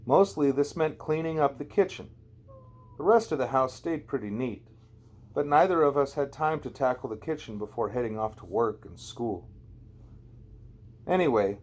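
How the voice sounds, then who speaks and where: In a mid-range voice, a man reads a first-person novel aloud as an amateur audiobook narrator. His delivery is conversational and wry, like he's telling you a story.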